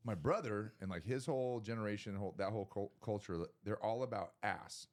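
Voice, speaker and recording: A man's voice: on the low side, brisk. A man co-hosting a podcast, chatting casually and crudely, rambling with many fillers and restarts. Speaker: podcast co-host.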